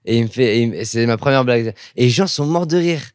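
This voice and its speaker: A man chats on a podcast in a mid-pitched, easygoing voice. He breaks into short acted-out snippets while explaining how he wrote them. The sound is close and dry. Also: quick pace, dry recording. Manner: relaxed, chatty, acts out bits while explaining. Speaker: comedian guest. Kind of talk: casual podcast interview.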